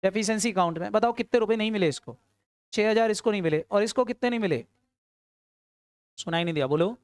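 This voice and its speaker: A woman teaching accounts to a class, firing questions at her students, urging quick answers and often answering them herself. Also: medium pitch, a little mellow, smooth, no room sound. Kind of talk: classroom lecture.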